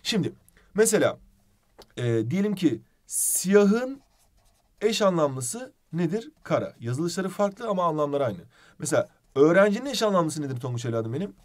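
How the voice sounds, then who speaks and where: Lively, playful male teacher. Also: fairly high pitch, normal speed. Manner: playful, animated teaching with questions. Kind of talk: video lesson.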